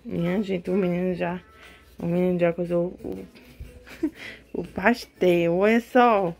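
A woman's voice: on the low side, steady tone, unhurried, gravelly, a little mellow, soft background music. A young woman, a mother filming a casual home vlog in a bedroom, cooing baby talk to her son and chatting to viewers with frequent laughs. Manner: laughs often while talking. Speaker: mother vlogging her baby's month birthday.

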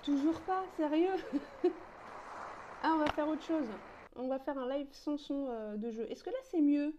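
A woman streaming a game live, chatting casually with her viewers, greeting them by name and filling pauses with "euh". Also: high voice, mellow, highs cut off, slight background noise.

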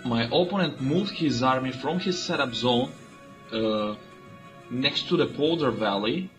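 A man from Bulgaria, a native Bulgarian speaker, talks through his strategy moves in a calm, methodical way. His voice sits at an ordinary middle pitch. Faint music plays behind him. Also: a little slow, rough recording. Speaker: player. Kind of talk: let's play commentary.

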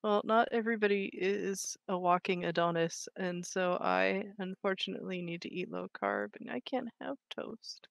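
A young woman co-hosting a gaming video, chatting casually and warmly about food while they play. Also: mid-range voice, moderate pace, vocal fry, hardly any pauses, no room sound, muffled recording. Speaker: co-host of a gaming channel. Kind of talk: casual chat while playing a game.

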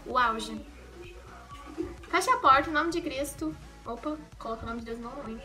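A young woman from Brazil talks to her viewers while doing her makeup at home. Her voice is high and bright, and she jokes and rambles, correcting herself as she goes. Faint music plays under the recording. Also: moderate pace. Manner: chatty and joking, rambling with self-corrections. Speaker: makeup vlogger. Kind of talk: casual get-ready-with-me vlog. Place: at home in a bedroom.

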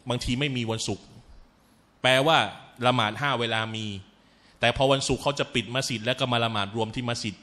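A male Islamic lecturer giving a religious talk, retelling stories in a lively way, mixing in Arabic phrases and calling his listeners brothers and sisters. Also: medium pitch, brisk.

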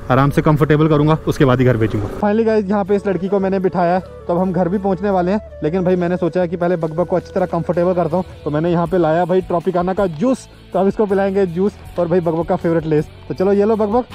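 Fast-talking young man vlogging outdoors. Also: on the high side, darkish tone. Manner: chatty, keeps calling out to viewers as "guys" and "bhai". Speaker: motovlogger host. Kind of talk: casual vlog narration. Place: outdoors on a cold mountain road.

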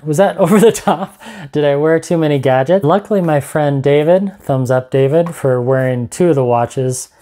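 A man's voice: medium pitch, mellow. A man in his forties giving a casual, unscripted gadget review, chatting and thinking aloud as a vlogger. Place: small home room, indoors.

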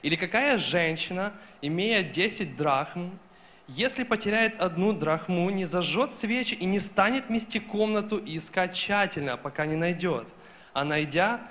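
A man's voice: sits high, fairly bright tone. A young man reading scripture aloud into a handheld microphone on a stage. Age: young adult. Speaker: scripture reader. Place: stage in a large hall.

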